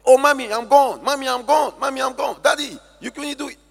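Ghanaian man doing a frightened little girl, very high pleading wail, desperate, long church hall reverb. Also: a little fast, creaky, husky, heavily acted. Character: frightened little girl crying for her parents.

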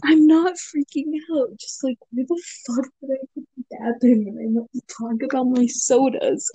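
A woman's voice: high-pitched, steady tone, moderate pace, dark tone, slightly rough, dry recording, rough recording. A young woman hosting a casual podcast, tipsy, laughing often and swearing as she rambles. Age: young adult. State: drunk. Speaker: podcast host. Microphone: desk microphone.

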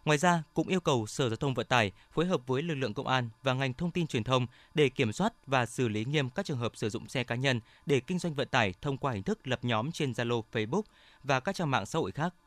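A man reading scripted radio news in a formal, measured announcer style. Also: medium pitch, animated, dry recording.

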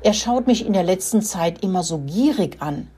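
A woman's voice: mid-range voice, expressive, normal speed, warm tone, husky. A woman voicing a worried older hen in a children's story, talking in a clucking, complaining way. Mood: suspicious.

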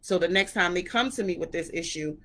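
A woman in her thirties talking casually about raising her children, in a relaxed storytelling way. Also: lowish voice, brisk. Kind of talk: casual parenting talk to camera.

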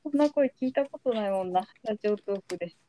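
A woman's voice: medium pitch, expressive, fast, mellow. A young adult woman hosting a podcast, chatting casually as she interviews a guest. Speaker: podcast host.

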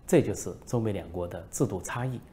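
A man's voice: a little fast, a little hiss or hum. A man delivering a political commentary monologue, emphatic and storytelling. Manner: emphatic, lively pitch, storytelling.

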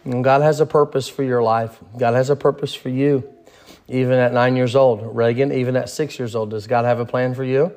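A man's voice: mid-range voice, steady tone, moderate pace, darkish tone. A man in his thirties leading an informal Bible study, talking plainly and repeating phrases for emphasis. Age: 30s. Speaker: pastor.

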